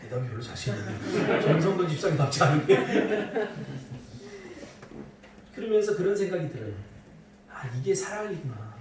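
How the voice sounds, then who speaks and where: A middle-aged man preaches a sermon and teases his congregation with playful asides. His voice sits high and swings widely in pitch. It is picked up from a distance in a very echoey church hall, with faint noise behind. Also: sing-song, normal speed, pauses often. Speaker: pastor. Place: church sanctuary.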